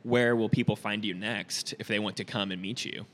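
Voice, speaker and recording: A man's voice: fairly low pitch, steady tone, brisk, a bit bright, a little hiss or hum. A man with a Texan accent hosting a podcast, asking questions in a friendly, joking way and chiming in often. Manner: friendly, joking, frequent backchannels. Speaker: podcast host. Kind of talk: casual conversational interview.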